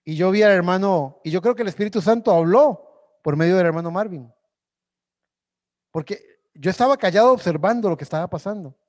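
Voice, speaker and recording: A male pastor preaching a sermon, swinging from loud exhortation to hushed prayer. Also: high-pitched, a little fast, big-room sound. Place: church sanctuary.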